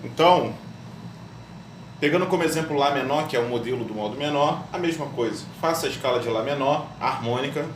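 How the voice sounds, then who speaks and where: A man with a fairly high voice teaches a music theory lesson step by step, often checking in with his students. He's recorded from a distance and off-mic in an echoey room, with a faint hum.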